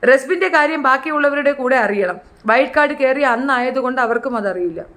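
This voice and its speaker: Chatty high-voiced woman commentator. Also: animated, a little fast, a bit bright. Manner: chatty, opinionated, acts out quotes in high voices. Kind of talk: casual reality show commentary.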